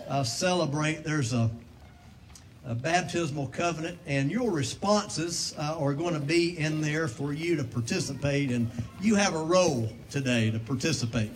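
A man preaching as a pastor to a congregation, emphatic, deliberate and given to repetition. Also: on the high side, distant mic, a little hiss or hum. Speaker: pastor leading a church service. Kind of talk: sermon and liturgy to a congregation. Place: church service before a congregation.

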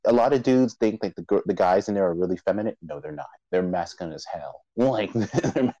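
A man's voice: lowish voice, animated, fairly quick, mellow, no room sound, dull audio. A man moderating a casual chat about anime awards, rambling with stammered restarts and frequent laughs. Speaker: podcast moderator.

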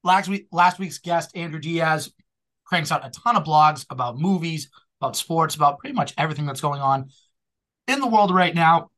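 A man with a Boston accent hosting a casual sports podcast, chatty and energetic. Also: fairly high pitch. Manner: energetic, chatty, quick asides. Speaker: podcast host.

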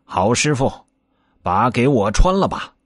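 A cocky, hot-tempered male monkey from a storybook, whose voice leaps up into shrill yelps when he is hurt, as a man acts him out. His lines swoop widely and sound husky and dry. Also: very animated, a little slow, no room sound. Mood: brash. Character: brash quick-tempered monkey disciple, male.

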